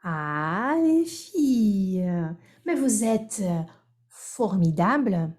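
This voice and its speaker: Slow, rhythmic woman teaching French. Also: medium pitch, big pitch swings, a little mellow. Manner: repeats phrases slowly and rhythmically for students to copy. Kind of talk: online class drills. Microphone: video call.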